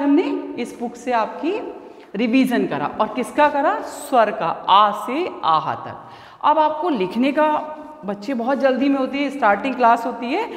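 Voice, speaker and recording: A woman teacher with a fairly high, lively voice. She chants the rhymes slowly and then speeds up for questions aimed at small children. Her voice rings in a roomy space with a long, trailing reverb. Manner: slow, drawn-out sing-song rhymes with quick asides and questions to children. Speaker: kindergarten Hindi teacher. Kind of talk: online lesson for young children.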